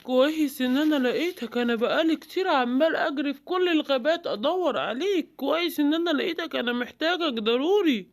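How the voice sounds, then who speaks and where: A woman's voice: sits high, animated, fast, hardly any pauses. Woman voicing an urgent lion father, Egyptian Arabic. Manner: urgent, pleading. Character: worried lion father, jungle king.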